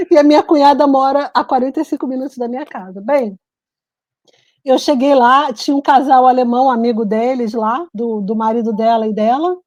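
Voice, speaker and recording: A Brazilian-born woman living in Switzerland telling stories in a lively, animated casual chat, laughing often. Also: high-pitched, no echo, dull audio. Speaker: guest, writer and journalist. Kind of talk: casual video-call chat. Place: home in Switzerland.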